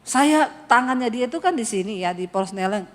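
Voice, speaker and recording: Animated woman preaching in a reverberant hall. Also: a little high, moderate pace. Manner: animated storytelling, acting out voices, addressing congregation as brothers. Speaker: pastor. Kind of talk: sermon with acted anecdote.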